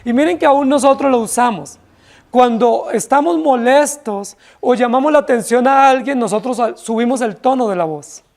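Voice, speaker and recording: Preaching expository to his congregation in church, this Colombian pastor has a very high voice that is gravelly yet a little mellow, at a normal speed. He is emphatic throughout, often posing rhetorical questions to make sure his listeners are with him.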